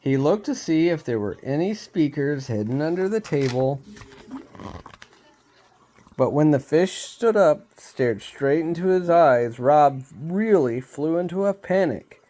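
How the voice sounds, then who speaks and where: A man reading a storybook aloud, unhurried, with small slips he laughs off. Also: fairly high pitch, expressive, dark tone.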